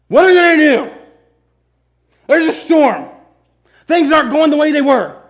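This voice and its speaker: A man putting on a panicking disciple who whines frantically in a much higher, louder voice as the storm hits. He sounds shrill and strained, and the voice jumps well above his normal register. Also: animated, normal speed. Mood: panicky. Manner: frantic, high-pitched whining.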